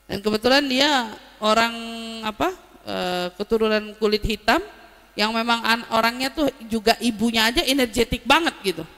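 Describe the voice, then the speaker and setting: A woman giving a lively religious lesson, explaining Arabic terms and telling anecdotes. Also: fairly high pitch, moderate pace, big-room sound. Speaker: Islamic religious teacher.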